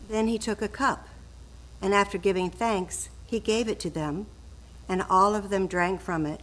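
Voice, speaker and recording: A woman's voice: mid-range voice, steady tone, a little slow, a bit bright, poor audio. Woman, mid-range voice, formal scripture reading, church reader. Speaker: scripture reader at a Good Friday service.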